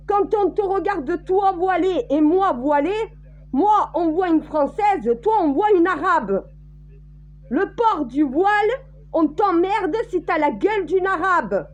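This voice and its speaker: A woman's voice: very high voice, a little mellow, lo-fi sound. A woman from France speaking blunt, crude and direct to her listeners in a casual monologue.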